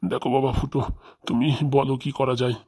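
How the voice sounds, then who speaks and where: Woman doing a low, flustered schoolmaster. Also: level tone, a little fast, creaky, warm tone, husky, exaggerated voice. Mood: defensive. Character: stingy remarried male schoolmaster, flustered.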